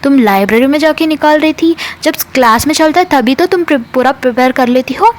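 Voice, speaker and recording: A woman's voice: high voice, a little fast, voice pushed up, lightly acted. A woman voicing a caring middle-aged mother who fusses with questions in a storytelling reading. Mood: fussing. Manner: fussy, questioning.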